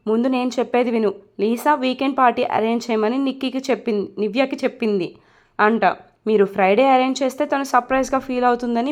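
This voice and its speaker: A level-headed young man who scolds a friend and lays out what really happened, as a woman reads him. The delivery is high and even. It suits a spoken romance storybook. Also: close to an everyday voice. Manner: reproachful, explaining. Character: calm reproachful young male friend.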